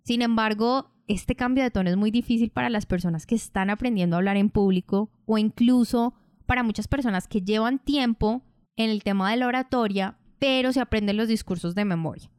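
A woman who hosts a podcast and coaches public speaking, explaining in a calm, measured way. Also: fairly high pitch, smooth, dry recording, studio quality. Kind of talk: instructional podcast narration.

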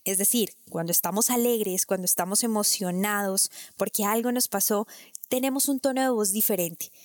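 A woman voice coach explaining technique in a clear, didactic way, speaking straight to the listener. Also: mid-range voice, moderate pace, no room sound, clean studio sound. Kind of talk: instructional talk to camera.

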